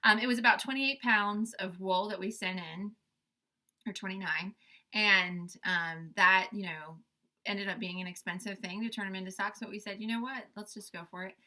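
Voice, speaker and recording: A woman's voice: medium pitch, steady tone, normal speed, sharp tone. A young adult woman, a farm host, tells a story in a casual, chatty way. She laughs often and uses lots of fillers. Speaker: farm owner and show host.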